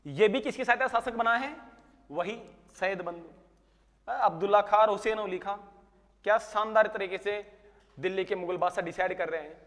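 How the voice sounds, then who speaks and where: A man's voice: high-pitched, normal speed, a bit bright, long reverb tail. A man teaching a history class, telling stories and acting out dialogue with humor. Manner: storytelling, acts out dialogue with humor. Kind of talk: casual classroom history lecture. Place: coaching classroom.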